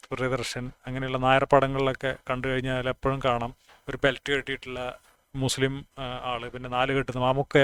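Man, from northern Kerala, casual talk, plainspoken, thinks aloud, smooth resonant voice, dry close sound. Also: a little high, fairly bright tone, no room sound. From Kasaragod, northern Kerala. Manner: plainspoken, reasoning aloud with restarts. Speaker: speaker on language.

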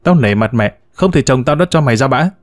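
A man's voice: mid-range voice, expressive, brisk, close to an everyday voice. Man voicing a fierce quarrelsome young wife. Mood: furious. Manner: shouting insults.

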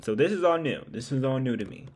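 A man's voice: mid-range voice, lively intonation, quick pace, a little mellow, slight background noise. A man chatting casually through a mystery game as a gaming YouTuber, repeating himself as he plays. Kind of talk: casual gameplay commentary.

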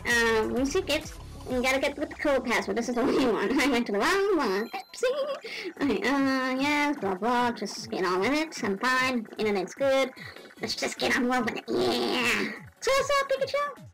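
A woman hosting a casual gaming vlog, excitable, giggly and rambling. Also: high-pitched, normal speed, over music, low-quality recording. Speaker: gaming video host.

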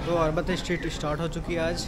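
A man's voice: on the high side, little pitch movement, fast. A young man from India chatting casually to viewers as he walks through a city market and streets, filming himself as a travel vlogger. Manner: chatty, addresses viewers as brothers. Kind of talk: casual walking-tour narration. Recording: street noise behind handheld recording.

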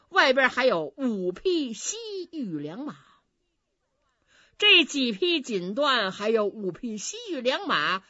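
A woman voicing an arrogant, boorish male general who shouts and brags, in a dry, slightly dull recording. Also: on the high side, no room sound, exaggerated voice. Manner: bullying, shouting, boastful.

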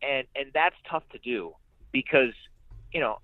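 A man's voice: mid-range voice, expressive, unhurried, no echo. A man giving conversational sports analysis as a radio announcer guest, emphatic and repeating phrases for emphasis. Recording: muffled, band-limited phone-like radio sound.

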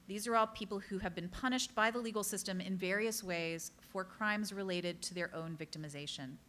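A woman author speaking to a live audience, telling true cases in an earnest, direct way and dropping in quick apologetic asides. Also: fairly low pitch, fairly bright tone, a little hiss or hum. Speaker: author giving a book talk. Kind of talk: public talk to a live audience.

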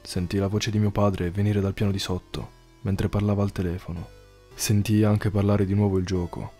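A man narrating a horror story in a measured, somber scripted read. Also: fairly low pitch, flat delivery, dark tone, faint music behind.

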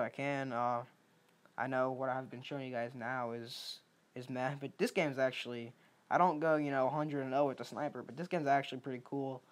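A young man talking casually over his gameplay as a gaming YouTuber, rambling with lots of ums and restarts. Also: mid-range voice.

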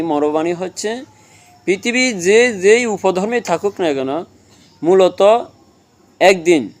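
A man's voice: sits high, darkish tone. A man giving a devotional talk, asking his listeners questions and answering them himself, explaining with everyday examples. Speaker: religious speaker.

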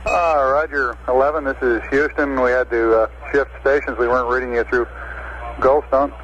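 A man's voice: mid-range voice, steady tone, normal speed, a bit bright. A man at mission control relaying terse, clipped radio procedure talk with frequent hesitations, heard through a narrowband radio transmission. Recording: lo-fi archival radio audio with faint hiss.

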